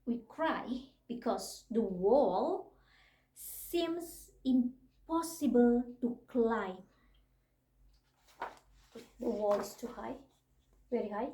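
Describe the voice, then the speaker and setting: Slow, gentle woman reading aloud. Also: fairly high pitch. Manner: slow, gentle, warm read-aloud with asides and soft laughs. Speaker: storybook reader. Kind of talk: reading a picture book aloud to a child. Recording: roomy echo.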